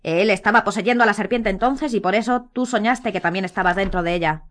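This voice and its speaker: A woman voicing a cold, stern male wizard teacher in an audiobook, speaking slowly and measuring each word. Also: medium pitch, close to an everyday voice. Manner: slow and measured, icy.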